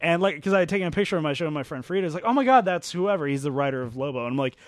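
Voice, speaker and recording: A man casually telling funny convention stories with lively, self-deprecating asides. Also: a little high, very fast, no echo, studio quality. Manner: animated storyteller, self-deprecating, swears casually. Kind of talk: casual chat.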